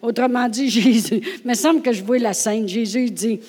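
A woman with a Québécois French accent preaching a sermon, telling the story with animation, laughing often and swinging from hushed asides to loud acted-out lines. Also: a little high, moderate pace, breathy edge, big-room sound.

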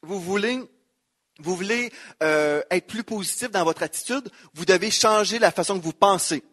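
A man's voice: sits high, normal speed, fairly bright tone. A man with a Quebec French accent preaching a sermon, emphatic, repeating key phrases and quoting scripture. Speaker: pastor.

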